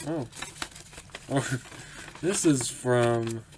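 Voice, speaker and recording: Drawing out his words in a mid-range voice, a man in his twenties opens mail for his autograph collecting channel's home vlog. He's upbeat and chatty, often laughing and saying um. The clip was recorded noisily in a small room at home.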